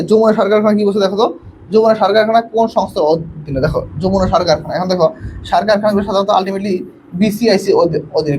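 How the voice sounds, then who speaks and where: A young man from Bangladesh teaching an online admission coaching class, quizzing students and urging them to answer quickly, often repeating himself and mixing in English words. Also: sits high, background noise. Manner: repetitive, mixes in English words.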